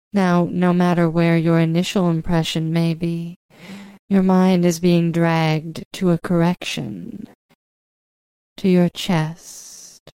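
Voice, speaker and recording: Slow, intimate, low-pitched woman close to the ear. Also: flat delivery, dark tone, smooth, dry recording, rough recording. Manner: coaxing, commanding, teasing. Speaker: hypnosis audio performer. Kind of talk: slow, intimate erotic hypnosis narration.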